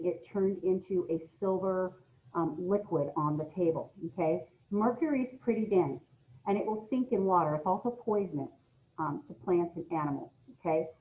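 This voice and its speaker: A middle school science teacher with an American accent reads her lesson aloud in a medium-pitched, slightly mellow voice. She explains things plainly to her students with informal asides, and the recording is muffled.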